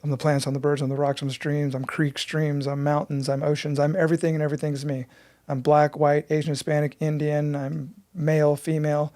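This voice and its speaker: Man, fifties, interview guest, earnest storyteller, even monotone delivery. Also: on the high side, a little fast. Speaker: guest, breathwork teacher.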